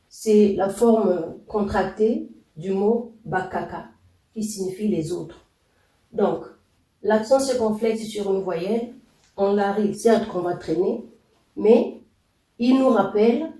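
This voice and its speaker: A man teaching a language lesson, explaining slowly and deliberately with pauses and fillers. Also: high voice, warm tone, far from the mic. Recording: echoey room, voice off-mic.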